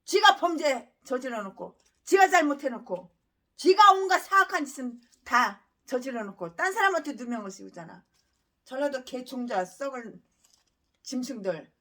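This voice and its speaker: Woman pastor, high voice, fierce preaching: angry rants, sudden shouts, slow stressed scripture reading. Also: expressive. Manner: angry ranting with bursts of shouting. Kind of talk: expository sermon.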